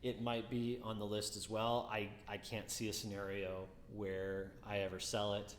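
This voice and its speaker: In a roomy space full of lingering reverb and a faint ambient hum, a man with a low, deeper voice chats through a guitar review. He speaks at normal speed, relaxed and thoughtful, repeatedly doubling back on his words.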